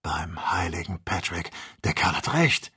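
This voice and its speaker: A man voicing a blunt male hunter companion who exclaims briskly, in an audiobook reading. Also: low-pitched, expressive, bright, forceful tone, slightly rough, exaggerated voice. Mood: amazed.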